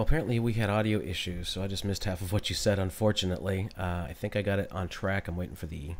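An American man co-hosts a live stream in a distinctly low voice. His delivery is casual and conversational, like unscripted chat. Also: slight background noise.

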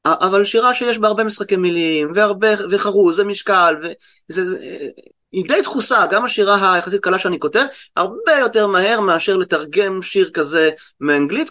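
A man with an Israeli accent explaining things conversationally as an interview guest, halting and often restarting mid-word. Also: high voice, sharp tone. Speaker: guest translator and poet.

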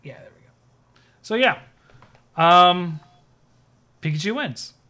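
A man's voice: high voice, lively intonation, slow, bright, forceful tone. A man co-hosting a casual podcast, rambling with lots of fillers and restarts. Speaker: podcast co-host. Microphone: video call setup, sharing his screen.

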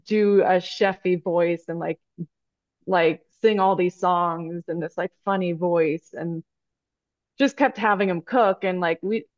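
A woman's voice: fairly low pitch, slow, no room sound. A woman guest telling a long story in a casual interview, rambling with many fillers and restarts. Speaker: guest, stop motion animator. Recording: dry, dull lo-fi podcast audio.

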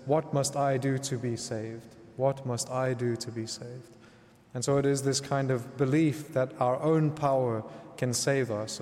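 Priest in a church with a long hall echo. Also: male voice, medium pitch, darkish tone. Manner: measured teaching tone with frequent "right?" asides. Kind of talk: gospel reading and homily.

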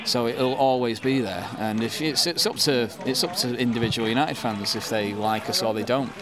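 A man's voice: medium pitch, normal speed. A man in his thirties with a Manchester accent, chatting casually in an interview with lots of ums and restarts. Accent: Mancunian. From England. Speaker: football fan interviewee. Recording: crowd noise behind.

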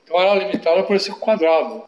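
A man in his eighties reminiscing in an interview, telling stories in an unhurried way with tag questions. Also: high-pitched, expressive, highs cut off. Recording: echoey room.

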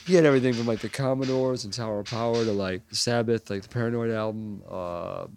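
A man's voice: fairly low pitch, steady tone, fast, vocal fry, darkish tone, slight background noise. A man chatting as a drummer guest in a restaurant, rambling with lots of fillers. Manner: rambling, lots of "like" and "you know". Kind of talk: casual interview chat.

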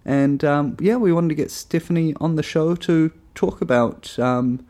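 Mellow-voiced male podcast host. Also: on the high side, unhurried. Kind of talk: podcast interview hosting.

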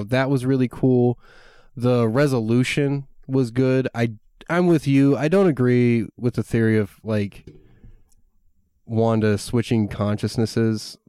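This film-reviewing podcast co-host is a young man with a lowish, warm, clean voice. He chats casually and rambles, filling gaps with fillers and swearing freely, in a dry studio-quality recording.

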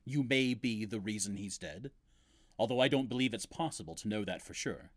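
A man acting a patient priest hearing a phone confession, speaking calmly and gently probing. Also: fairly low pitch, no echo, studio quality, lightly acted. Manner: calm, measured, gently probing.

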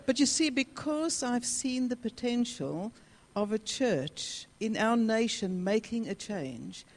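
A woman, a travelling church speaker, giving an energetic and rousing conference talk. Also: on the high side, slow pace. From South Africa.

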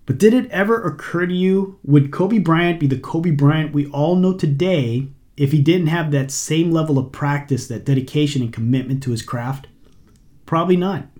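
A man's voice: on the high side, normal speed, mellow. Upbeat man hosting a motivational podcast. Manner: conversational, lightly sarcastic, motivational. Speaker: podcast host. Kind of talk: casual solo podcast talk.

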